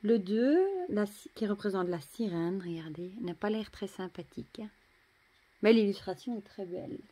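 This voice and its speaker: A French woman casually showing and admiring tarot cards, chatty, often dropping to a soft murmur. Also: medium pitch, normal speed. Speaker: tarot deck reviewer. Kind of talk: casual show-and-tell.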